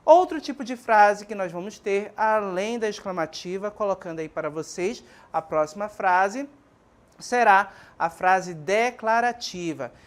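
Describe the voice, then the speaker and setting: A woman teacher with a Brazilian Portuguese accent giving a classroom lesson, explaining step by step and often checking in with "ok?" and "certo?". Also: mid-range voice. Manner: didactic, frequent checking questions like ok and certo; addresses students warmly as minha gente and pessoal.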